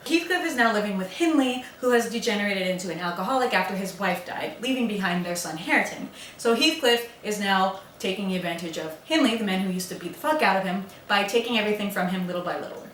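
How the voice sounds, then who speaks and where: A woman's voice: medium pitch, animated, fast, hardly any pauses, a bit bright, slight background noise. A young woman giving an irreverent, profane comedic book summary in a sarcastic tone. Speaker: YouTuber. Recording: roomy, from a distance.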